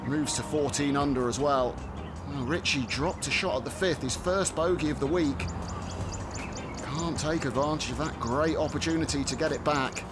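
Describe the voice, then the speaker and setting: A man working as a golf commentator, calling highlights of a tournament round. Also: noisy background.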